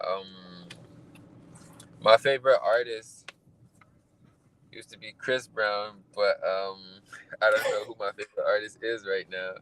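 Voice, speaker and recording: A young man from Liberia, raised in Ghana, answering interview questions about his music in a soft, hesitant way with many fillers. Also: on the low side, fairly even intonation, unhurried, long pauses, a little hiss or hum, poor audio. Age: young adult. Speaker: musician guest. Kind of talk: interview answers over a call.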